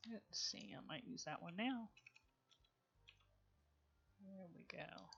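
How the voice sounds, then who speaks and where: A woman with a Southern accent rambles through a game stream in an unhurried drawl, muttering to herself as she goes. Her voice has a bright, forward edge, heard over a dull, lo-fi stream recording. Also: medium pitch, creaky, a little hiss or hum. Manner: chatty, rambling, mutters to herself, laughs often. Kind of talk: casual gameplay commentary.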